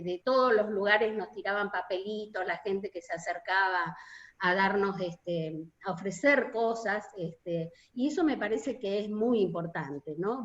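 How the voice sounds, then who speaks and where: A woman with an Argentine accent, a union delegate, earnestly recalling a protest march in an online meeting. She pauses often and fills gaps as she talks. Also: mid-range voice, fairly bright tone, lo-fi sound. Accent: Argentine Spanish. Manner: hesitant, many filler pauses, earnest. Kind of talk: reminiscing testimony in an online meeting.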